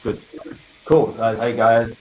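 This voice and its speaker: A man's voice: medium pitch, takes it slowly. Man hosting a group voice call. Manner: chatty, laughs between points, many fillers. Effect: group voice call, heard over a conference line. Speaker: meeting host for a real estate network. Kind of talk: casual business meeting update. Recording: tinny echoey call line with faint hiss.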